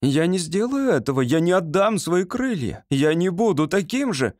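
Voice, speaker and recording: A man's voice: mid-range voice, moderate pace, a little mellow, no room sound, clean studio sound, close to an everyday voice. A man voicing a passionate young winged man in an audiobook reading, speaking ardently. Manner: ardent, impassioned.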